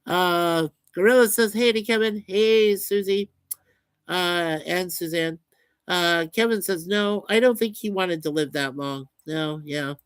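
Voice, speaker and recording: A man's voice: sits high, unhurried, fairly bright tone, clean tone, no echo. Guy reading chat on his stream, folksy and chatty, dry close sound. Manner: reads viewer comments aloud, chatty and folksy. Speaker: livestream host reading chat. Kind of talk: casual chat.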